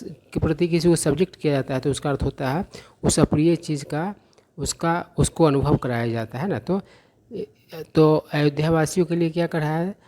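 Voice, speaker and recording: A man teaching English through a newspaper reading lesson, explaining each word slowly and asking and answering his own questions. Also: a little high, a little mellow.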